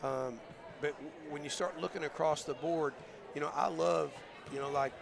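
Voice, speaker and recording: Brief: hoarse, gravelly-voiced coach, mid-high pitch, halting postgame chat, crowd noise in the gym. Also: male voice, fairly even intonation. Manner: thoughtful, halting, many fillers and restarts. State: losing his voice. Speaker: basketball coach. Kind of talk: postgame interview.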